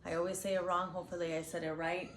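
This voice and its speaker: A woman's voice: fairly low pitch, little pitch movement, quick pace, crowd noise. A woman co-hosting a casual chat about parenting, talking loosely with fillers and restarts. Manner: chatty, frequent fillers and restarts. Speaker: channel co-host, parent. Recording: roomy with faint background noise.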